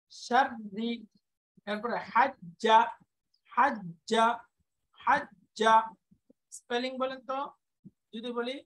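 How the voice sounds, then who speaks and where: A woman teaching Quran recitation, repeating each word slowly and patiently so students can copy it. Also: medium pitch, rough recording. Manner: patient, explanatory. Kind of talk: recitation drill lesson.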